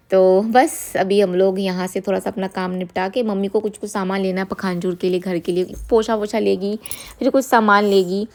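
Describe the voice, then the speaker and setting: Gravelly-voiced chatty woman vlogging. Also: mid-range voice. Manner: chatty, venting, switches to soft talk with her child. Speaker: vlogger, single mother. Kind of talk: casual vlog chat.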